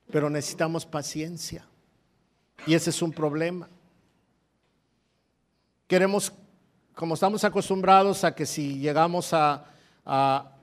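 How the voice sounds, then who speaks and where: A man preaching a sermon, asking his listeners questions and reading scripture aloud with force. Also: high voice. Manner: asks the congregation direct questions.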